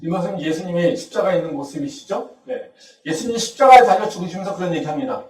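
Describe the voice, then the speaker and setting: A male pastor preaching a sermon, acting out quoted voices and rising to shouts. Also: sits high, expressive, fast talker, reverberant, far from the mic, a little hiss or hum, low-quality recording. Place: campus church.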